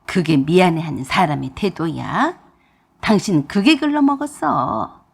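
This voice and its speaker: A woman voicing a stern, domineering older father-in-law who scolds gruffly. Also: on the low side, animated, unhurried, pitched below the performer's own voice, full character voice. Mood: scolding.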